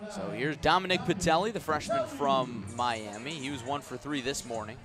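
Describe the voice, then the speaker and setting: Music plays behind a male radio announcer calling baseball live; his commentary is detailed and measured, building up on every pitch.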